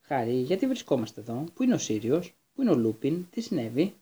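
A man's voice: mid-range voice, big pitch swings, warm tone, husky. A man voicing a dazed teenage boy who has just woken up, speaking weakly and bewildered while reading a storybook. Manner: weak, bewildered.

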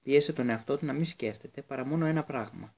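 A man narrating a story as an audiobook, at a middling pitch for a man. He reads steadily, now and then stumbling on a word and starting it again. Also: gravelly. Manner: steady reading with occasional slips and restarts. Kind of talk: audiobook reading.

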